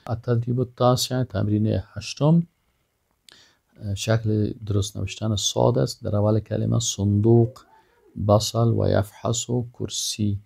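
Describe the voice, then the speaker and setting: A man teaching Arabic vocabulary, saying each word slowly and then giving its meaning. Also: on the low side, level tone, vocal fry, dark tone, breathy edge. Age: older.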